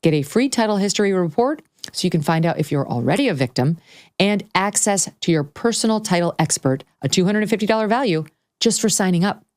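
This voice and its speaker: A woman hosting an interview show, reading ads and asking brisk, direct questions. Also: medium pitch, lively intonation, darkish tone, dry recording, clean studio sound. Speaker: host.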